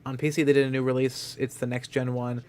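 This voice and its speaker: A man's voice: medium pitch, little pitch movement, fast, darkish tone. A man chatting casually as he streams a game. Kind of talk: casual chat while playing a game. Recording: clear background noise.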